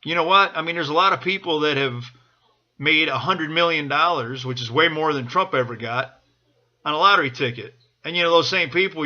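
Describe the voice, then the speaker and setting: Male vlogger, higher-pitched and very forceful, urgent exhorting delivery, impassioned improvised rally-style pep talk, repeats phrases for emphasis. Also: muffled recording. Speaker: political supporter vlogger. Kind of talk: impassioned off-the-cuff political pep talk to camera.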